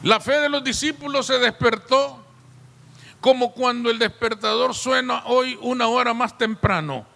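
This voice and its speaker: High-voiced man preaching in a hall. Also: a little slow, gravelly, bright, forceful tone. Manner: preaching with rhetorical questions and repetition. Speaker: pastor. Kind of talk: sermon. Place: church.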